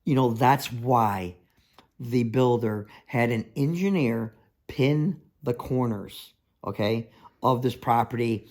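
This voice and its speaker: A man's voice: medium pitch, slow pace, a little mellow. A man who works as a foundation contractor, telling a story in a reality-show confessional as an exasperated ranter who acts out other people's voices.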